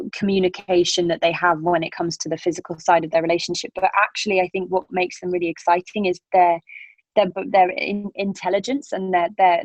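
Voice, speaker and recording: A woman in her twenties, an actor appearing as a guest on an interview podcast, chats in an animated way and laughs often. Her British accent mixes Northern Irish, Scottish and Manchester traces. Her voice is lowish, and the audio is poor but has no echo.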